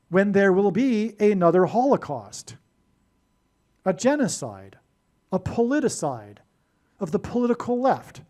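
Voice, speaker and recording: A man's voice: sits high, darkish tone. A man delivering a rambling solo monologue, full of digressions and restarts. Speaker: prophecy video host.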